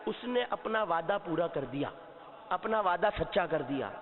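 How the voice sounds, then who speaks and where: High-voiced man preaching in a reverberant hall. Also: expressive. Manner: impassioned, rising to shouts at key points; asks the audience questions and answers himself. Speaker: Shia cleric giving a majlis sermon. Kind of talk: sermon. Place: mosque or hall before a seated gathering. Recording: long reverb, tinny phone-like sound.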